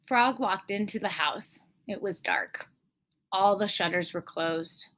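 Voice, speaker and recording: A young woman reading a children's story aloud in a deliberate manner, as if teaching young children. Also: medium pitch, fairly bright tone. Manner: deliberate, clearly phrased for children.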